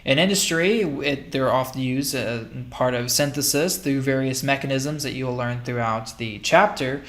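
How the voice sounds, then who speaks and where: A man giving a casual recorded chemistry lecture over slides, relaxed and thinking aloud with fillers and small self-corrections. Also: medium pitch, moderate pace. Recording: roomy echo.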